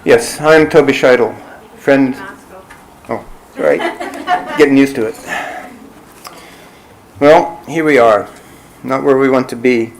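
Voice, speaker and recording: Middle-aged man, friend's eulogy, very slow and measured, faint hiss. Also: mid-range voice, poor audio. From Canada. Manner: slow, measured, warmly reflective. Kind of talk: spoken eulogy at a funeral. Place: funeral service venue.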